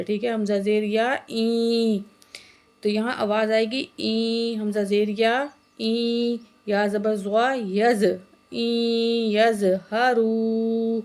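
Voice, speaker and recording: Brief: woman Quran tutor, slightly high voice, spells letters, recites slowly, explains fast. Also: a little mellow. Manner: quick explanations with "ٹھیک ہے؟" checks. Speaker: Quran reading teacher.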